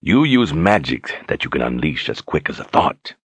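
A man voicing a menacing, brutish male tyrant with a deep, grating voice, taunting his captives slowly and with mocking calm. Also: husky, no echo, exaggerated voice. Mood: mocking menace. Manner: mocking, taunting, slow and deliberate.

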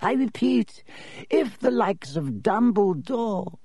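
A dry, reedy old ghost professor lectures slowly and testily, as a male narrator puts him on. The voice sits high and thin, with a dark, mellow tone and strongly rising and falling emphasis. Each word is clipped and drawn out with weary disdain. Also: sing-song, husky, no echo, full character voice. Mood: irritated. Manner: slow, clipped, dismissive lecturing.

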